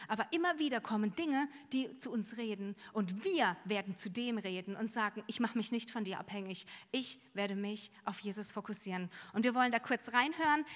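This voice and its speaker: A woman's voice: fairly high pitch, a bit bright, in a large hall. A woman preaching a sermon to a congregation, earnest and inviting, asking rhetorical questions. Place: church service hall.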